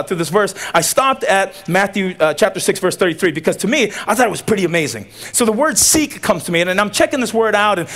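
A commencement speaker from Tonga, whose mother tongue is Tongan, preaches in a high-pitched voice at a graduation's outdoor tent stage. The sermon is lively, full of jokes and animation, with the audience answering his calls.

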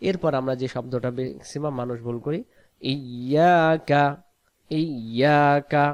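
A man teaching Quran pronunciation, quickly spelling out letters and vowels, then reciting the words slowly and drawn out. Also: mid-range voice, gravelly, darkish tone, dry recording, highs cut off. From Bangladesh. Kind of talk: pronunciation lesson.

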